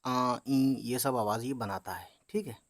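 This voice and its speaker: A man of middle pitch teaches a beginners' reading lesson, sounding out each letter and vowel mark slowly. He keeps checking in with his listeners. The sound is dry and close. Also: no echo. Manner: explains patiently, often checking with "है ना?" and "ठीक है?"; drawls sounds out slowly while spelling.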